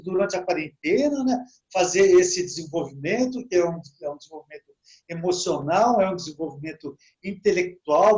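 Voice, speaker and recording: In a muffled recording, a high-voiced man gives Portuguese speakers a casual online English lesson. Slowing down to model English words, he regularly drops in "né?".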